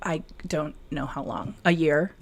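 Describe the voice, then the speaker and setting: A middle-aged knitwear designer from northern Wisconsin co-hosts a casual chat over a video call from a hot city apartment. Her voice sits low and steady with vocal fry, and she takes her time. She's chatty and self-deprecating, often laughing at herself.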